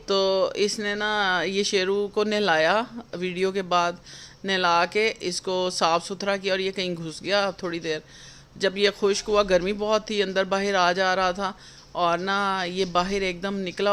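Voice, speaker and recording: A middle-aged woman vlogger chatting casually in a rambling, homely way, with frequent pauses and fillers. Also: medium pitch, a bit bright, smooth. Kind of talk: casual chat.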